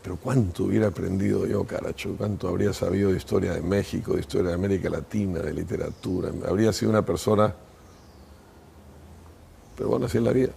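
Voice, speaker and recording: An older man tells stories from his past as an interview guest. His voice sits low and dark, with a gravelly, husky texture. He talks in long, thoughtful first-person reflections. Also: steady tone, fast. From Peru. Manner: thoughtful, reminiscing, speaks in first person at length.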